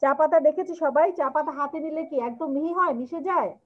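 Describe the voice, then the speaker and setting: A woman teaching English vocabulary to children, explaining words and drilling them with slow, drawn-out repetitions. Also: high voice. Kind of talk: classroom lesson explaining vocabulary. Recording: tinny lo-fi phone-like recording.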